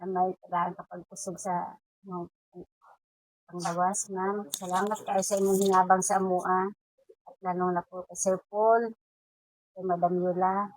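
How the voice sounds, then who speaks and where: A woman's voice: fairly low pitch, little pitch movement, unhurried, pauses often, no room sound, poor audio. A woman, mother of a sponsored student, giving chatty thanks to the sponsors. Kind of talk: casual thank-you.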